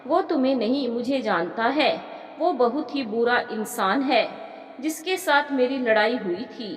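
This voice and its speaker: A sharp-tongued, suspicious college girl, as a woman storyteller puts her on, speaking slowly in a fairly high voice. The words come with a firm, scolding edge. The room is echoey with a long reverb tail. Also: close to an everyday voice.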